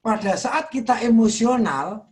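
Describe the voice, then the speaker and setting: An Indonesian man teaching in a religious study talk, earnest, softly repeating phrases for emphasis. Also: very high-pitched, lively intonation, unhurried, noisy background. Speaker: Islamic teacher.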